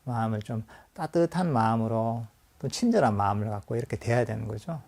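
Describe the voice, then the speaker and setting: A man's voice: medium pitch, expressive, fairly quick, a little mellow. A male Buddhist monk giving a conversational meditation lecture, full of fillers and restarts. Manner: conversational teaching with acted inner-voice quotes and light laughter.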